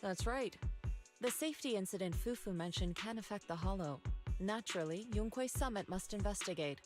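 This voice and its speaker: A woman's voice: medium pitch, lively intonation, natural voice. A woman voicing a composed, authoritative martial-arts master in a video game, speaking formally and firmly. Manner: formal, measured, firm. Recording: loud music behind the voice.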